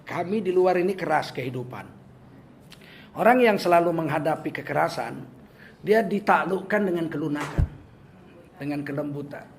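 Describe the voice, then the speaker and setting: Animated older preacher with a Medan accent. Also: male voice, on the high side, normal speed, vocal fry, pauses often, a little hiss or hum. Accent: Medan Indonesian. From Medan, North Sumatra, Indonesia. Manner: animated, joking, acts out quoted voices. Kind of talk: humorous religious talk.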